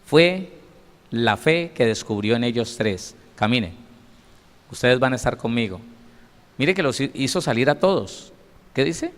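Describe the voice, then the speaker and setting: A man preaching a sermon as pastor, emphatic and lively, acting out scenes. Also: mid-range voice, a little slow, long pauses. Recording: long reverb of a large hall.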